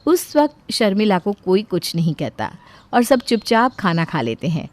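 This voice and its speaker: This is a woman reading a scripted story aloud. Her pitch moves up and down a lot as she tells it. The recording is close and dry. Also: moderate pace, no echo. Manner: clear, expressive storytelling. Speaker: narrator.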